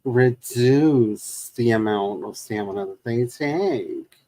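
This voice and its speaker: A man's voice: mid-range voice, slow pace, mellow, dry recording. A man hosting a casual gaming stream, chatting in wry, rambling asides. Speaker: livestream host. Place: room shared with second speaker.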